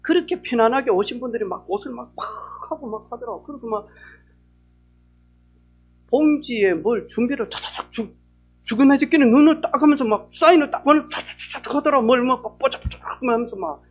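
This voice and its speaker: A male pastor tells a story in his sermon. He is lively and full of sound words, with a slightly husky voice. The church recording is dull and lo-fi. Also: extremely high pitch, brisk.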